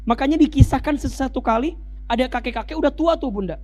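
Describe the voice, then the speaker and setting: Male preacher, animated sermon, rhetorical questions, mellow voice. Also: very high voice, fast talker. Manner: lively, rhetorical questions to the audience, joking asides. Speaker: Islamic preacher.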